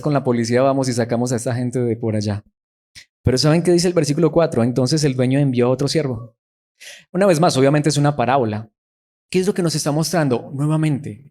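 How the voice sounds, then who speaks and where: A man's voice: medium pitch, warm tone. A man preaching a sermon, who keeps putting rhetorical questions to the congregation.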